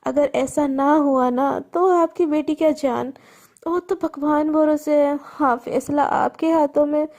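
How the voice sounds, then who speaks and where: A woman's voice: sits high, steady tone, measured pace, darkish tone. Woman telling a gloating villain father. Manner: taunting, mocking. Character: gloating scheming middle-aged father villain.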